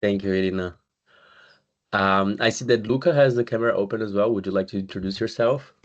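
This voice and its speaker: A man from Brazil, a community manager, hosting an online webinar in a relaxed, conversational way over a video call. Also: on the low side. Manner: relaxed, conversational, pauses often with "uh" and "um". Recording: slightly muffled video call audio.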